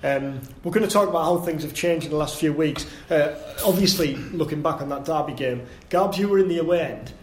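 A man hosting a casual football podcast, relaxed and conversational, leading the questions. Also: a little high, brisk, hardly any pauses, a little hiss or hum. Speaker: podcast host. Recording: echoey room with faint ambience.

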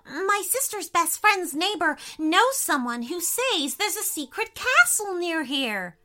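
A woman voicing an excitable, chattering young female squid in a children's story, gushing and breathless. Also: very high voice, takes it slowly, soft background music, pitched above the performer's own voice, exaggerated voice. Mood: excited.

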